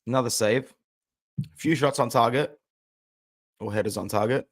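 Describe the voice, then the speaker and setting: A young man hosting a casual football fan stream, chatting and reacting aloud to match highlights, with loud outbursts and low muttered asides. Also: moderate pace. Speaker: football fan channel host. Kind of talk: casual live-stream commentary.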